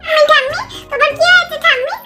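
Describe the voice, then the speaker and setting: A woman voicing a startled little granddaughter in a doll cartoon, with a squeaky, childlike voice. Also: fairly even intonation, fast talker, pushed and bright, soft background music.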